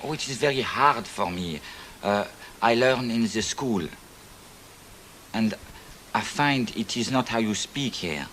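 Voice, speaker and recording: A male actor with a lowish voice and fairly bright tone plays a French visitor with a French accent. He's animated yet polite and halting, speaking formal English while searching for words, with slight background noise behind him.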